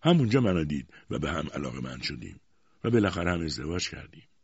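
A man voicing a timid, tearful young widowed mother who answers softly and meekly, in a dull, dry lo-fi recording. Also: very deep voice, very animated, breathy edge, no echo, heavily acted. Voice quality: soft, meek, hesitant.

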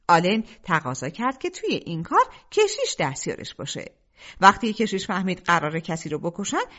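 Woman, audiobook narration, wildly varied pitch, dull lo-fi sound. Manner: lively storytelling with wide swings in pitch.

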